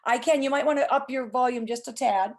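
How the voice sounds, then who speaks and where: A woman's voice: high-pitched, brisk. Chatty, emphatic middle-aged woman hosting. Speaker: host, presenter. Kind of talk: informal webinar presentation.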